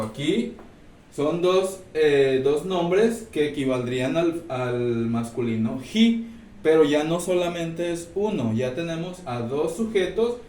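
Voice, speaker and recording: A man teaches a recorded lesson, slow and patient, checking in. His somewhat high voice comes from a distance in an echoey room a faint hiss behind it. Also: a little mellow. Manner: explains step by step, checks in with "¿sí?". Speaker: English teacher. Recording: roomy, distant mic, faint background noise.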